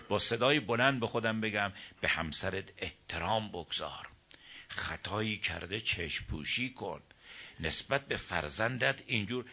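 A man preaching a religious sermon in an earnest, exhorting manner, rising for emphasis and chanting verse slowly. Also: medium pitch, sharp tone.

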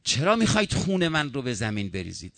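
A man's voice: mid-range voice, wildly swooping pitch, gravelly, a bit bright, dry recording. A man preaching a sermon, impassioned, his voice rising and falling.

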